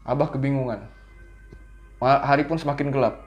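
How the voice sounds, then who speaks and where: A middle-aged man telling his children a story from his own childhood in a casual, lively way, acting out his younger self. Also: mid-range voice, normal speed, soft background music. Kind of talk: casual bedtime-style storytelling.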